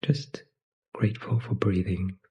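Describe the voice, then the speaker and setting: Speaking in a low, breathy, calming voice, a man leads a guided meditation, delivering brief, gentle phrases with lengthy silences in between.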